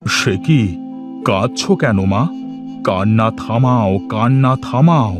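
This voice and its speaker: An actor voicing a wise, kindly male village head in a cartoon, speaking in a steady, reassuring, fatherly way. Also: fairly low pitch, takes it slowly, over music. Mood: comforting. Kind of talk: cartoon voice acting.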